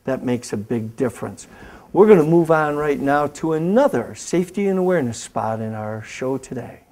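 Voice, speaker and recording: A man's voice: mid-range voice, expressive, moderate pace, mellow. A man hosting a safety show, coaching a self-defense technique step by step. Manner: coaching, giving step-by-step commands. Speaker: host and martial arts instructor. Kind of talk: instructional demonstration, talk show.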